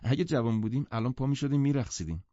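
A man voicing a restless, moody young society woman who speaks in sharp complaints, in a storybook reading. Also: medium pitch, animated, no room sound, pitched above the performer's own voice, close to an everyday voice. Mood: petulant. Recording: dull lo-fi audiobook sound.

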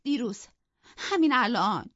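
A woman voicing a tearful, jealous and petulant young woman in an audiobook, her voice high and strained. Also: animated, no echo. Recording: dull, dry lo-fi recording.

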